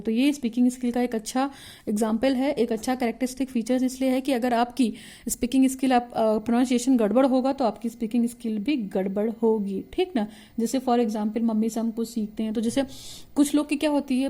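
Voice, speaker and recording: A woman's voice: a little high, mellow. A woman teacher explaining lesson notes, mixing English terms into her talk, repeating points and checking in with tag questions. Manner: mixes English terms into Hindi, reads English passages slowly.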